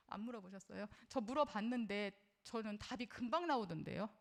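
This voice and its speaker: A woman's voice: mid-range voice, expressive, a little slow, vocal fry. Middle-aged woman, parenting lecturer, earnest and conversational, asks her audience questions. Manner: personal, shares her own experience as a mother.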